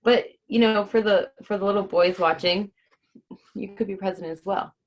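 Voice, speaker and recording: This host's medium-pitched voice stays fairly even at a moderate pace, and the recording is lo-fi with a little hiss or hum. She's reading a children's book on a livestream, speaking casually and simplifying tricky words for young listeners.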